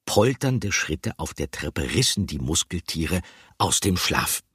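A man narrating a children's story in an expressive storytelling manner. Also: deep voice, slow, husky, no echo, clean studio sound. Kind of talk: audiobook narration.

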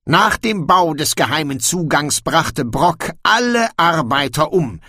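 A man reading an audiobook, voicing a blunt, secretive male dwarf king in a raised, slow, deliberate voice. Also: on the high side, animated, sharp tone, breathy edge, dry recording, clean studio sound, voice pushed up, heavily acted. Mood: matter-of-fact.

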